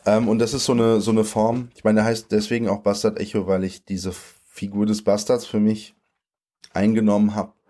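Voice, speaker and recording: In an interview, a late-twenties man from Germany, a poet, muses aloud in a searching way, often restarting and using fillers. He speaks at normal speed in a warm, lowish voice with little pitch movement.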